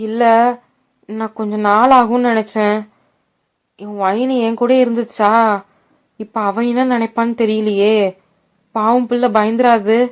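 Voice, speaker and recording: A woman's voice: fairly high pitch, normal speed, pauses often, a little mellow, lightly acted. A woman voicing an anxious, caring village mother worrying about her daughter. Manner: anxious, tender.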